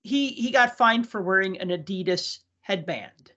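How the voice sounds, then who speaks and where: A man's voice: sits high, expressive, unhurried, pushed and bright. A man hosting a casual podcast chat who tells stories with enthusiasm and laughs along with them. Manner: chatty storyteller, laughs at his own stories. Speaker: podcast host. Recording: dull lo-fi audio.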